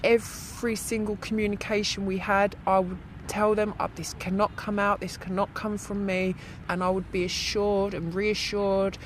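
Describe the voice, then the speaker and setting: A woman's voice: medium pitch, little pitch movement, moderate pace, slight background noise. Young woman, voice disguised. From South London. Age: young adult. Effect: electronically disguised voice. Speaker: anonymous witness. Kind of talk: interview testimony.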